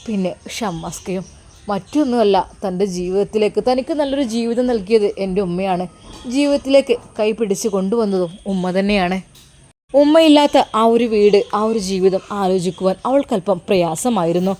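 A woman's voice: mid-range voice, lively intonation, moderate pace, warm tone. A woman with a Malappuram Malayalam accent narrating an emotional family story expressively.

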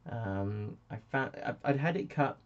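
A man's voice: mid-range voice, expressive, measured pace. A man hosting a casual live stream, chatty and self-mocking as he answers viewers. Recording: dull lo-fi sound.

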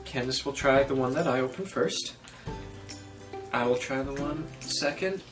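Woman, very deep voice, casual snack review, relaxed talk, heard from a distance, music behind. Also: moderate pace. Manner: relaxed, describes each snack aloud. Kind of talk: casual taste-test chat. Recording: distant mic with background music.

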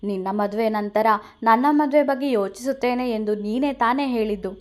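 A woman reading a carefree young man who orders his friend around. He talks in a light, fairly high voice. His tone stays offhand and bossy. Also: moderate pace, darkish tone, natural voice.

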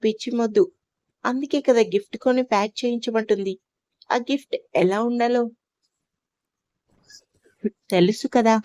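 A woman voicing a caring young sister-in-law in an audio storybook, speaking in a fond, gently scolding way. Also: a little high, fairly even intonation, moderate pace, long pauses, no echo, natural voice. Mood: fond, coaxing.

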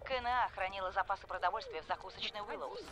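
A man's voice: sits high, fast talker, over music, natural voice. A man playing an earnest resistance ally in a video game, briefing a fighter in an informative way. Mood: grateful briefing.

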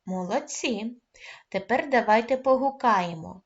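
A woman teaching a first-grade reading lesson, coaxing the children and praising them often, calling out words loudly and stretching their syllables. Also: a little high, a little slow, lo-fi sound. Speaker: primary school teacher.

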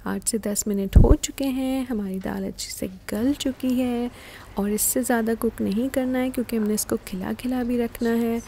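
A woman with a warm, somewhat high voice hosts a cooking show, narrating a recipe step by step and speaking directly to the viewer. Frying, sizzling and stirring come through clearly in the kitchen background.

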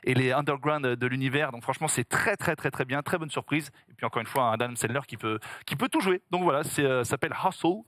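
A man's voice: medium pitch, fast talker, few pauses, dry recording, studio quality. A man hosting a casual chat, telling an anecdote with lots of laughter and animation. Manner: animated storyteller, laughs often. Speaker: podcast host.

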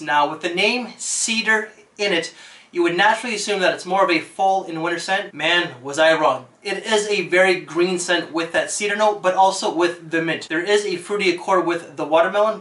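A man's voice: high voice, sharp tone, reverberant. A man casually reviewing fragrances for his channel, chatty and enthusiastic, with frequent fillers.

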